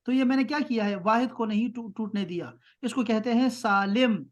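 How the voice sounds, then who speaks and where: A man teaching an online grammar class. He keeps checking that students follow and slows right down to spell out terms. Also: very high voice. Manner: patient, keeps checking with "ٹھیک ہے؟".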